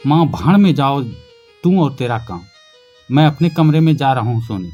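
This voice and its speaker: Impatient, shouting adult son, as a male narrator puts him on, over faint music. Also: mid-range voice, lively intonation, moderate pace, highs cut off, natural voice. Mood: irritated. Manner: irritated, shouting.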